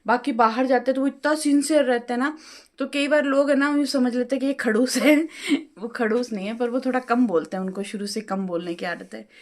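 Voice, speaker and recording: A middle-aged woman vlogger chatting at home, talkative and quick with her words. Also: a little high. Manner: talkative, fast-talking. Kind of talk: casual home vlog chat. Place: home, balcony and kitchen.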